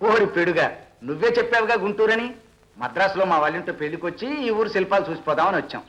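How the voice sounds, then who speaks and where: An actor playing a kind, well-off middle-aged tourist who talks gently and in a fatherly way in a 1970s film drama. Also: high-pitched, quick pace, lo-fi sound. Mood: kindly. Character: kindly wealthy tourist, middle-aged man.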